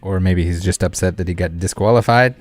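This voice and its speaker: With a deep voice and a slightly quick delivery, this man runs a card game live stream, rambling and joking with his viewers in a relaxed, casual way. Background music plays behind his voice.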